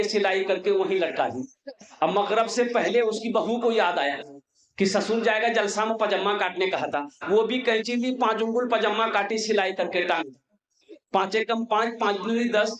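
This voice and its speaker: High-pitched preacher guy on a stage mic, spinning a funny folk tale and doing everyone's lines. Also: echoey room, poor audio. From Kolkata, India. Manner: animated storytelling, acting out family members' lines. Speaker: Islamic preacher. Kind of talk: sermon with a comic folk story. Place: religious gathering, stage. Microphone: stage microphone.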